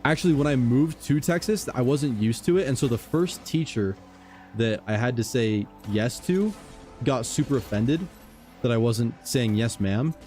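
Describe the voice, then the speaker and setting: A male game streamer with a relaxed, mellow voice at a medium pitch. He talks casually to his chat and tells stories in an animated, slangy way. Music plays faintly behind him. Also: moderate pace. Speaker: gaming livestreamer.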